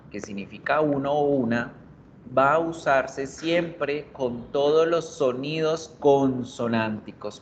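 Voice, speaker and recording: A man's voice: medium pitch, fairly bright tone. A man teaching English in Spanish, patiently repeating example words for his class. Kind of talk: online class explaining English grammar in Spanish. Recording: dull audio with faint noise.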